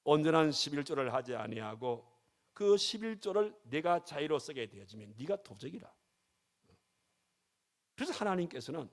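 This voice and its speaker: Emphatic Korean pastor preaching. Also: male voice, fairly high pitch, darkish tone. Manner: emphatic preaching, voice rising and dropping sharply. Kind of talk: sermon.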